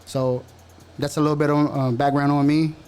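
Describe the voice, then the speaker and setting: A man's voice: a little high, flat delivery, moderate pace, a little mellow, clean tone. A man from El Salvador in his thirties co-hosting a casual sports podcast, chatty and teasing. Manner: laid-back, chatty, teasing. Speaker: podcast co-host.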